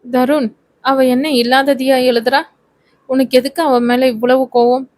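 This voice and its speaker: A woman voicing a sharp-tongued young woman who scolds her reckless friend. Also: high voice, flat delivery, measured pace, no echo. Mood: scolding. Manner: scolding, sarcastic.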